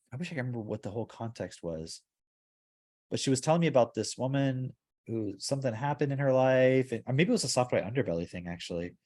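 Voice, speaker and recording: A man talks loosely on a podcast at a middle pitch, circling his ideas and leaning on "like" between phrases. His delivery is easygoing and conversational. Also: a little mellow. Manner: rambling, heavy use of "like". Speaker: podcast host. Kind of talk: casual podcast discussion.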